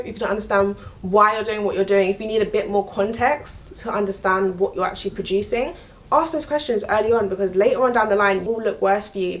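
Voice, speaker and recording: Young woman, vlogger, frank and emphatic, gravelly fry in the voice. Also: medium pitch. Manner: frank and emphatic, repeats key points. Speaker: vlogger giving career advice. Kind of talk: direct-to-camera advice talk.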